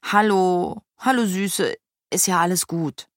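Storybook boy, sheepish and gentle, soft-spoken, played by a woman. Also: lowish voice, slow, dry recording, clean studio sound. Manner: sheepish, apologetic. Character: apologetic boy, gentle with horses.

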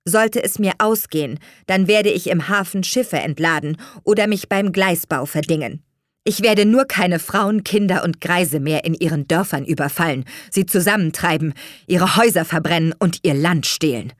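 A woman's voice: lowish voice, expressive, measured pace, no room sound, clean studio sound. A woman voicing a firm, indignant young man standing up to his parents in an audiobook reading. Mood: firm defiant.

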